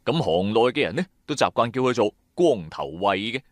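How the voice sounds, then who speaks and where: In studio-quality audio with no room sound, a man with a fairly low, very animated voice tells a scripted first-person audio drama at a fairly quick pace. He speaks Cantonese-accented speech in a colloquial, dramatic storyteller's style, sprinkling in sentence-final particles.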